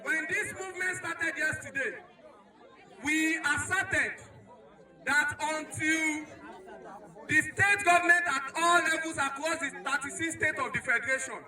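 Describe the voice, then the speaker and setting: A Nigerian man with a very high, strained voice delivers a protest speech, declaiming each point with emphatic repetition. He is recorded from a distance with a lot of echo, and a crowd murmurs behind him. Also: unhurried, pushed and bright. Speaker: protest speaker. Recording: echoey crowd recording from far off.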